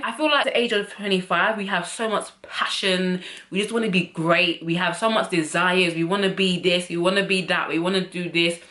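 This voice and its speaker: A woman's voice: fairly low pitch, fairly bright tone. A woman in her twenties, chatting candidly to camera as a vlogger. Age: 20s. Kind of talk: casual chat to camera. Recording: roomy echo.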